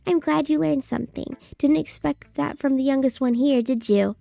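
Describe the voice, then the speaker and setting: A woman's voice: high-pitched, normal speed, gravelly, warm tone, dry recording, pitched above the performer's own voice. A woman streamer voicing a bratty, defensive anime schoolgirl from a visual novel game in a cutesy, huffy voice. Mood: smug, earnest. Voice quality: cutesy, annoying anime-girl voice.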